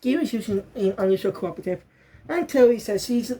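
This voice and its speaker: A woman's voice: medium pitch, lively intonation, brisk, mellow, slightly rough. A woman casually reviewing a show episode, rambling and correcting herself as she goes. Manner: rambling, self-correcting, bursts into fits of laughter.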